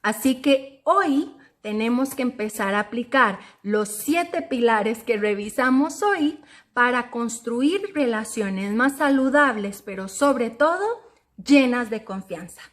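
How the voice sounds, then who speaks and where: Woman motivational speaker, high voice, measured delivery, talks straight to camera. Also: animated, fairly bright tone. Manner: measured, addresses viewers directly. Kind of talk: motivational lesson.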